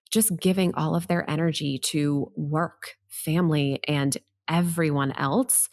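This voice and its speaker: A middle-aged woman hosting a health podcast with upbeat, tidy advice-vlogger delivery, encouraging and organized as she speaks straight to the listener. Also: on the low side.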